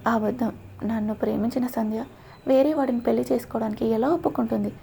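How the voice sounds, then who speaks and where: A woman's voice: fairly high pitch, steady tone, quick pace, creaky, slight background noise. A woman voicing a young man in love who pleads and protests angrily to the police. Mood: upset, pleading. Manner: pleading, then shouting in protest. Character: young man in love, Surya, desperate and defiant.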